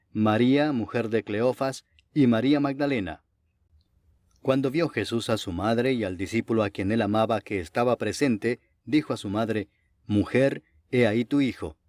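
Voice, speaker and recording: A man reading Bible narration in an even, steady way. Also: mid-range voice, no room sound, clean studio sound. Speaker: Bible reader.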